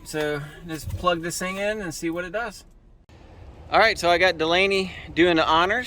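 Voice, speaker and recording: Casual guy vlogging by the car charger, bright voice, chill and chatty, bit of outdoor noise. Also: on the high side. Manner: relaxed, chatty, explaining as he goes. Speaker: family vlogger. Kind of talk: casual vlog narration. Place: parking lot by a car charger.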